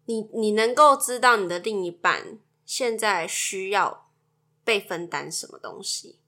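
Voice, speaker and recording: A woman's voice: mid-range voice, a little slow, sharp tone. A woman co-hosting a casual chat, asking probing, teasing questions. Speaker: podcast co-host.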